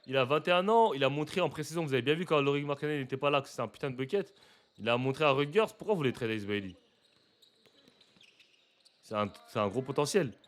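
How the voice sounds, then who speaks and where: A young man giving casual live reaction commentary to basketball footage, slangy and chatty, breaking into loud excited exclamations. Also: medium pitch, fast.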